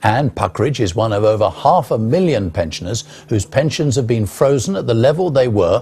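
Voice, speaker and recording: A man presenting the news and interviewing a guest with polite, measured questions. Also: mid-range voice, very animated, warm tone, husky.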